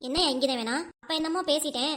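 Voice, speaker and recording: Woman doing a fast-talking scheming village wife. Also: high-pitched, fairly bright tone. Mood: scolding. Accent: southern Tamil Nadu. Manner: quick, scolding, bossy. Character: scheming village wife Pushpa, sharp-tongued. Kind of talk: cartoon voice acting.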